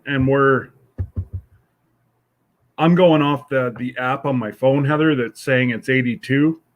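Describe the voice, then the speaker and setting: Middle-aged male host, congested, drawling and rambling, medium pitch; casual chat to viewers. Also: a bit bright. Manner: slow, rambling, with many fillers. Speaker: livestream host. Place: home.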